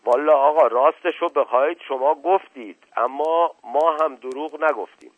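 A man's voice: on the high side, dry recording, voice pushed up, natural voice. A male narrator voicing an evasive, folksy old male servant who drags out his words, on a tinny lo-fi radio recording. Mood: stubborn. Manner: drawn-out rustic turns of phrase.

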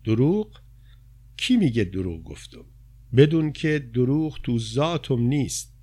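A plain-spoken young woman, as a male reader puts her on tells of her hard past in a low, confiding voice. She is blunt and quick to defend herself. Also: big pitch swings, mellow, breathy edge.

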